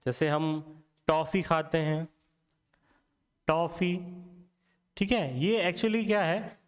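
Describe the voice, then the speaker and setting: A man's voice: on the high side, slow pace, clean tone, big-room sound. A man teaching a Hindi grammar lesson, asking the class questions and answering them himself, often checking in with "theek hai".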